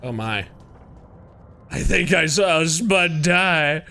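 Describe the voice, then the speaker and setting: Streaming a multiplayer shooter, a man chats casually with his friends, laughing and staying lively as he gives his teammates directions. His voice is a little high and creaky, he draws out his words, and there is a slight hiss or hum.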